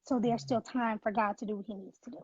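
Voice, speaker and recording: A woman's voice: fairly high pitch, steady tone, fast, breathy edge, no echo, muffled recording. A woman who founded a nonprofit, speaking as an interview guest in an earnest, faith-driven, emphatic way. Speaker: nonprofit founder, former NICU mom.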